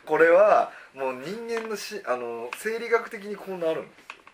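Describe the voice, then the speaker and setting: A man in his forties chatting on a podcast, laughing often and explaining things in quick bursts with lots of fillers. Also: sits high, big pitch swings, background noise. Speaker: podcast guest answering listener questions. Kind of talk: casual chat.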